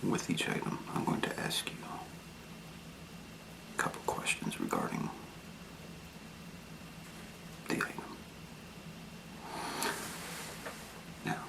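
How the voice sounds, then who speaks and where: A person in a whispered role-play, playing a calm detective who questions a suspect with deliberate mock sympathy. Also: distant mic, close to an everyday voice, poor audio. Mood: coolly probing.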